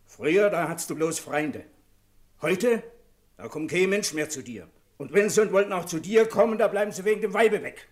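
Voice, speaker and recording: An actor playing a blunt, stubborn horse dealer who scolds insistently, in a 1960s radio play. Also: male voice, high-pitched, expressive, normal speed. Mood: reproachful. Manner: reproachful, insistent.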